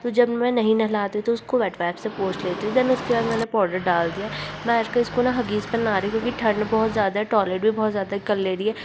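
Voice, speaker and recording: A woman's voice: mid-range voice, steady tone, fast talker, noisy background. A young woman, a new mother, chatting casually as she explains each step of caring for her baby. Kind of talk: casual home vlog narration.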